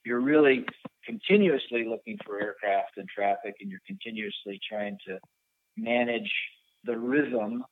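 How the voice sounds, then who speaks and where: A man in his fifties, a helicopter pilot with a fire department, answering interview questions thoughtfully and pausing to search for words. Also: medium pitch, very animated, creaky, dry recording. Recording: tinny phone line.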